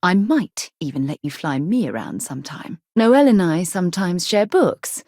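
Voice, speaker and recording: This woman plays a principled, articulate expedition leader exploring space, delivering companion lines in a video game with a composed, earnest mood. Her fairly low, darkish voice is very animated yet keeps a normal speed. The sound is clean studio audio with a dry quality.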